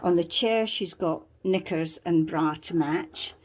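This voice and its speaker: Scottish woman calmly showing her dollhouse. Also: on the low side, a little slow. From Scotland. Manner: patient, explains details step by step. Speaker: dollhouse owner showing her miniature house. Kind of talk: casual show-and-tell chat.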